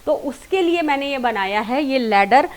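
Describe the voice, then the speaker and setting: A woman with an Indian accent gives an informal online singing lesson, speaking directly to viewers and mixing in English terms. She's a singing teacher with a high, animated voice and a normal speaking speed.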